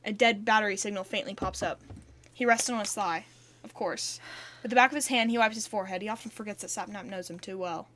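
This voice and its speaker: A woman's voice: mid-range voice, fast, fairly bright tone, slight background noise. A woman co-hosting a podcast, reading fan fiction aloud in a casual way, breaking in with asides. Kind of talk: casual read-aloud narration.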